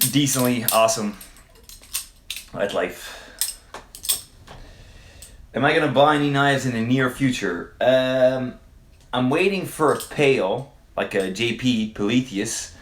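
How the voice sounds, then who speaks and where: This livestream host is a French-speaking man from Quebec, Canada, answering chat questions loosely and hesitantly, with plenty of fillers and swearing. His voice is medium-pitched and fairly bright, with slight background noise. The recording has a roomy echo.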